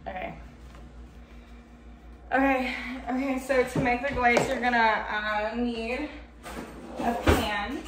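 A young woman talking casually through a cooking tutorial in her apartment kitchen, excitable and chatty, full of "like" and "oh my God," picked up by a camera mic across the room. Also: a little high, takes it slowly, pauses often. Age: young adult. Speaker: cooking vlogger. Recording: echoey room, faint noise.

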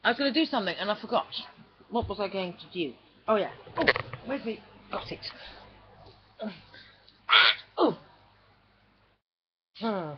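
A woman's voice: mid-range voice, animated, measured pace, long pauses, background noise. A woman chatting casually at home and cooing fondly at her pets. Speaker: pet owner filming at home. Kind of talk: casual home video chat. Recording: dull lo-fi home video.

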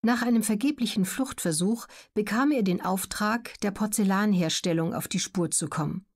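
A woman reads scripted documentary narration for an audiobook at a medium pitch, measured and clearly enunciated.

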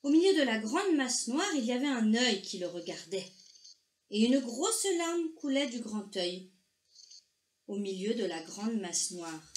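A woman reading a children's story aloud, slow, gentle and expressive. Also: on the high side. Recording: echoey room, faint noise.

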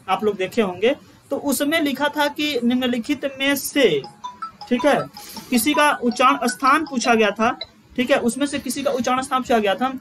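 High-voiced chatty teacher. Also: male voice, fairly bright tone, a little hiss or hum. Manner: chatty, joking asides to viewers; stretches vowels when chanting verses. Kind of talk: live online Sanskrit grammar class.

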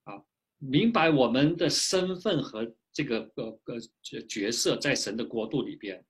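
A male pastor preaching a sermon in a lively, animated way, pausing often for an interpreter, speaking from a small home office into a webcam. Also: medium pitch, breathy edge. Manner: lively preaching with frequent filler particles.

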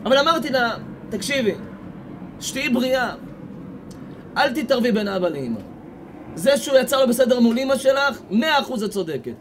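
High-voiced Israeli rabbi preaching passionately. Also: male voice, big pitch swings, pauses often, slight background noise. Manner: impassioned storytelling, rising to near shouts. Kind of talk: sermon with retold stories.

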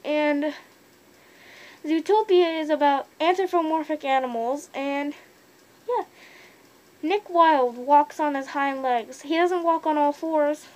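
A woman's voice: high-pitched, slow pace, long pauses, darkish tone. A young woman rambling casually with many fillers about why she wears a fursuit, speaking from inside a costume head. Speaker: fursuiter vlogger. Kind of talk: casual opinion monologue.

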